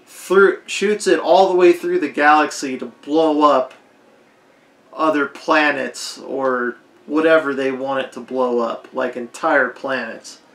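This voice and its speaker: A man with a hoarse, fading voice giving a rambling, unscripted movie commentary, leaning hard on "like". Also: mid-range voice, slow, fairly bright tone. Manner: rambling, heavy use of "like". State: hoarse, losing his voice. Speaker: film commentator. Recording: echoey roomy recording.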